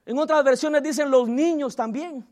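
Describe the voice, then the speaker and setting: A man with a strikingly high voice preaches in a church service. He keeps calling on the congregation to say phrases back to him and breaks into chuckles between points. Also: moderate pace, a little mellow. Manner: calls on the congregation to repeat after him and respond; chuckles often and jokes with listeners. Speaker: pastor. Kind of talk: lively church sermon.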